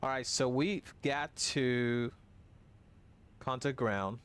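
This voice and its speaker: A man streams a flight simulator with casual, off-the-cuff commentary. His voice sits at a middle pitch as he talks himself through cockpit tasks in an informal way. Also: slow, a bit bright, clean tone. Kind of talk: casual live gaming commentary.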